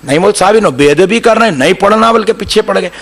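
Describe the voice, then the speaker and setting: A man's voice: sits high, rapid-fire, gravelly. A man preaching a storytelling sermon to a congregation, acting out quotes and asking the crowd questions. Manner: animated, acts out quotes, asks the crowd questions.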